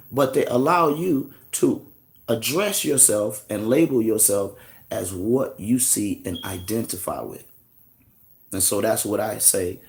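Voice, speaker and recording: A man hosting a live stream, talking in an animated, casual preaching manner and calling listeners "family.". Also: medium pitch, creaky.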